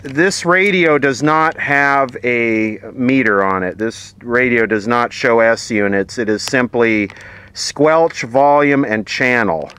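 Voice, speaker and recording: Casual, wry, and plainspoken, an American man tests a vintage CB radio at a table outdoors for his vlog. His mid-range voice is a bit bright, and he takes his time speaking. Faint noise sits in the background.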